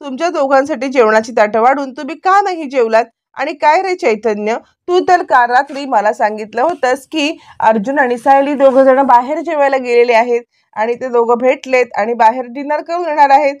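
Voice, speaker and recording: A woman's voice: high voice, moderate pace, a little mellow, natural voice. A woman voicing a protective older woman of the household who presses with insistent, coaxing questions.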